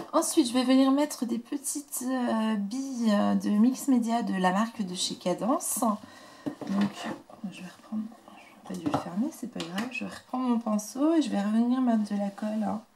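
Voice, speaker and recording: A woman hosting a casual craft tutorial, talking through each step in a chatty, soft-spoken way and murmuring quietly as she works. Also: fairly high pitch, a little hiss or hum.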